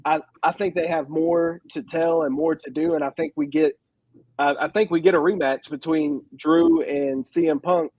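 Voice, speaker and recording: A man co-hosting a casual wrestling review show, talking in animated, exasperated rants and laughing often. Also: fairly high pitch, moderate pace, vocal fry, dry recording, lo-fi sound. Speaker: podcast co-host.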